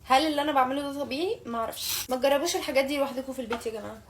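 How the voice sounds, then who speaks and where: A young woman with an Egyptian Arabic accent rattles off jokes and asides while cooking in her home kitchen. Her voice sits high and moves very fast. Faint noise runs behind her. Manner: joking, teasing, rapid chatter. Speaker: vlogger. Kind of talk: casual cooking vlog.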